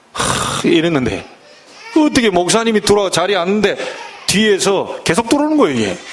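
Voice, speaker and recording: A man's voice: fairly high pitch, a bit bright, a little hiss or hum. A middle-aged man with a Jeolla Korean accent preaching a sermon as pastor, acting out other people's voices and mock curses as he goes.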